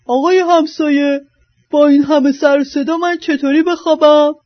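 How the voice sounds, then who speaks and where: A woman voicing a grumpy, stubborn owl in a storybook, complaining loudly and indignantly. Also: high-pitched, fairly even intonation, dry recording, muffled recording, close to an everyday voice.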